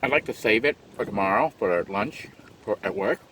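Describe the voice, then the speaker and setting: This is mukbang eating commentary from a man in his parked van, who chats unhurriedly and describes his food closely. He speaks at a normal speed in a lowish voice over a noisy background.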